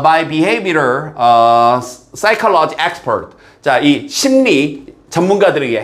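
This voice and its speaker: Lively male english tutor, bit high-pitched, walks through exam passages line by line. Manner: lively, drills students with repeated checks; reads English slowly, explains in Korean. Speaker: English teacher.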